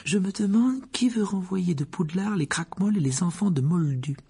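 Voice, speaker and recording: A man's voice: sits high, animated, moderate pace, gravelly, dark tone, breathy edge, voice pushed up, full character voice. Hermione, a man doing an earnest schoolgirl. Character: clever, earnest schoolgirl witch.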